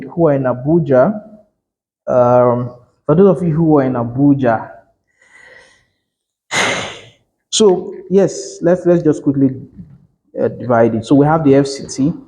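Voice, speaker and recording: A man's voice: mid-range voice, mellow, low-quality recording. A man giving a lecture on real estate law to realtors, conversational and emphatic, often correcting himself mid-sentence.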